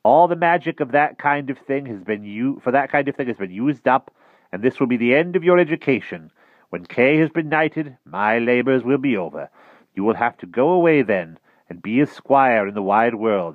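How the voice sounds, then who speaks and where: A man voicing an old male wizard, a cheerful and fussy tutor who speaks in a brisk, raised voice. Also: medium pitch, sing-song, dry recording, narrow, tinny audio, voice pushed up, natural voice.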